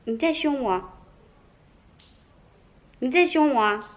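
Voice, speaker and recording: A woman's voice: high-pitched, animated, slow. Coaxing woman baby-talking her cat. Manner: coaxing, playful scolding. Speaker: cat owner vlogger. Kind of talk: baby talk to a pet cat. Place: home, indoors.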